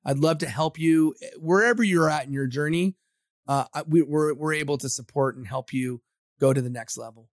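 A man's voice: a little high, a little fast, no echo, clean studio sound. A man from Samoa, a podcast guest and agency founder, speaking confidently and motivationally in a casual interview.

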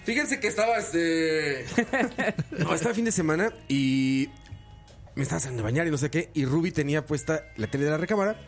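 Lively man telling stories. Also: on the high side, fairly quick, soft background music. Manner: laughing, slangy storytelling. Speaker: podcast host. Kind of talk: casual chat.

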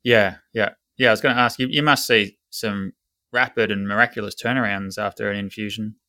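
A man hosting a podcast interview, asking questions in a halting way with many restarts. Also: fairly low pitch, steady tone, sharp tone, dry recording, clean studio sound. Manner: hesitant, many fillers and restarts. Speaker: podcast host.

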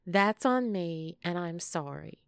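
Slow-talking, flirty woman podcaster. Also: fairly low pitch, expressive, gravelly, clear, resonant tone, dry recording, studio quality. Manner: flirtatious, playful, addresses listeners with pet names. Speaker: podcast host. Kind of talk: casual, intimate solo podcast chat.

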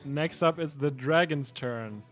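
A man running a tabletop game as game master, giving calm, measured rulings. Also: a little high, soft background music.

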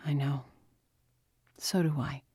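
Subdued man patient, quiet and low, read by a woman. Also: fairly even intonation, takes it slowly, slightly rough, no echo, clean studio sound, heavily acted. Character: older man patient, shaken and small-voiced.

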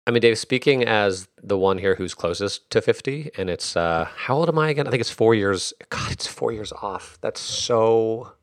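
Animated man nearing fifty. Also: on the low side, normal speed, few pauses, no echo, studio quality. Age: 40s. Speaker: podcast co-host. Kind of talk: casual chat.

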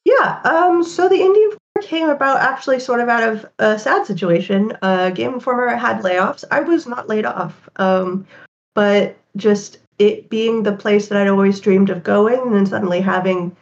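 A woman who writes about games, talking quickly and animatedly as a podcast guest, with fillers. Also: medium pitch, highs cut off. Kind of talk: casual interview chat.

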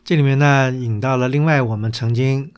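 A man co-hosts a relaxed conversation and steers it from point to point. He keeps checking in with his partner as he goes. His tone is plain and conversational. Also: medium pitch, fairly quick, clean tone. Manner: leads the talk, often checking in with "right?". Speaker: co-host. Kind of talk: casual cultural chat.

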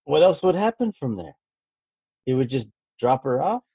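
A man's voice: a little high, sing-song, normal speed, gravelly, dark tone, husky, no echo, muffled recording. A man co-hosting a casual podcast, pushing back in a wry, teasing way. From Washington State. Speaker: podcast co-host. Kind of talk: casual chat.

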